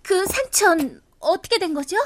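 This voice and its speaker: A woman's voice: very high voice, moderate pace, no echo. A woman playing an impulsive, earnest young sorceress in a radio drama, theatrical in delivery. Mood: worried. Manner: animated, theatrical. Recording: music under the voice.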